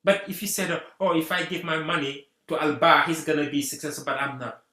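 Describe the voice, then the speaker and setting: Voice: medium pitch, a little fast, sharp tone. A guest from Senegal, giving an earnest talk on community unity and repeating rallying phrases. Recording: roomy echo.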